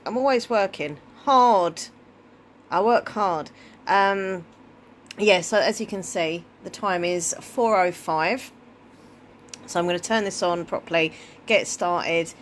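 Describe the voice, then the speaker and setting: A woman with an Essex accent in her thirties, chatting casually in a rambling, informal vlog with trailing thoughts. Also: mid-range voice. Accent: Essex English. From Essex, England. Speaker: vlogger. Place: indoors at home, bedroom. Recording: clear background room noise, handheld home recording.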